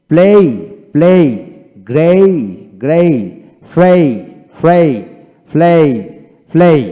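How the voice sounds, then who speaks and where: A man teaching English pronunciation, saying each word twice with a louder, higher stress, with a Bangladeshi accent. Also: long reverb tail. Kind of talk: pronunciation drill lecture.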